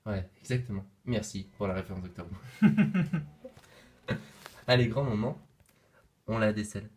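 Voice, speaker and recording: A man's voice: on the low side, fairly even intonation, moderate pace, darkish tone. A young man talking casually while unboxing toys on camera, playful and jokey, rambling with fillers and asides. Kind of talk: casual chat.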